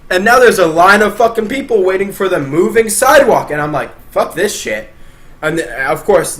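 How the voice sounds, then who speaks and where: A young man telling an exasperated, profane storytime rant, swinging between shouting and muttering. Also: high voice. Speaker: vlogger. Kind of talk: ranting storytime monologue.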